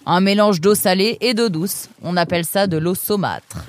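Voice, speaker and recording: A woman voicing an adult male fox boatman in a children's audio story, loud and a little teasing. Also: fairly low pitch, normal speed, no room sound, natural voice. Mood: brisk.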